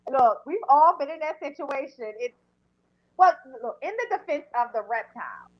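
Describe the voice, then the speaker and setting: Woman, fairly high pitch, casual interview host, dull lo-fi recording. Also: lively intonation, moderate pace, background noise. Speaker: podcast host. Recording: dull lo-fi audio.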